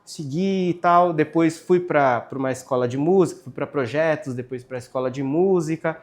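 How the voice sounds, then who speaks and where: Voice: mid-range voice, normal speed. A Brazilian podcast host in a casual school interview, agreeing with the guest and adding to his points.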